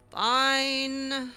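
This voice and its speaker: Playing a video game heroine, a woman ad-libs gameplay dialogue with a hesitant, dry, sardonic edge. Her voice sits high and sounds pushed and bright.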